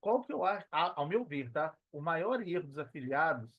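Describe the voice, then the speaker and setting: A Brazilian man in his thirties, a personal trainer and affiliate marketer, talks casually as a podcast guest, often checking for agreement with slangy tags. His slightly high voice has big pitch swings and a moderate pace. The recording has no echo but sounds muffled.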